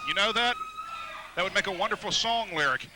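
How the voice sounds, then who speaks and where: A man's voice: high-pitched, expressive, brisk. A man calling live wrestling play-by-play in emphatic, clipped phrases over arena noise. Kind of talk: live sports commentary. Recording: noisy live wrestling event.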